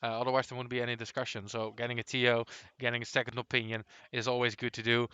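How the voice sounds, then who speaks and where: Man, bright, smooth, dry close sound, calm rules commentary. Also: medium pitch, dry recording, muffled recording. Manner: calm, measured, explains rules. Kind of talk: tabletop game commentary.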